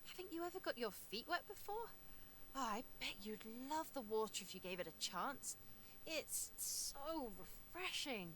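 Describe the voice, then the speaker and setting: Earnest young female scout, video game, encouraging, animated pitch. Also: normal speed, a little hiss or hum. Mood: friendly.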